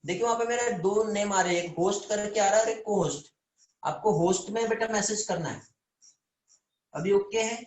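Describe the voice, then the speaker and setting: A man's voice: high-pitched, normal speed. Echoey male teacher in a live class. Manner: addresses students as beta, checks understanding often. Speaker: biology teacher. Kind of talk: live online lecture.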